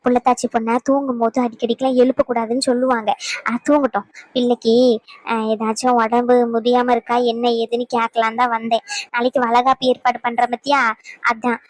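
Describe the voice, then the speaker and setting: A woman voicing a caring older mother in a dubbed cartoon, coaxing and hesitant, gently scolding her son. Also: a little high, level tone, fairly quick, no echo, lightly acted. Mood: motherly.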